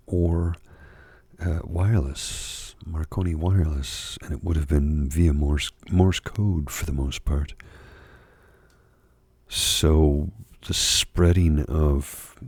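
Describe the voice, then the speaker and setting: Very deep gravelly man, soft confessional ASMR. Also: fairly even intonation, no room sound. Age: middle-aged or older. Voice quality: husky, gravelly. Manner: halting, reflective, personal confiding. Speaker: ASMR host.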